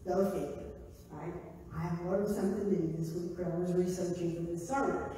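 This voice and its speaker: A woman, a pastor giving a conversational, animated sermon in a church. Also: on the low side, fairly quick, slight background noise. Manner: conversational, animated, gestures while preaching. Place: church sanctuary, indoors. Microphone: far camera. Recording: echoey sanctuary from far off.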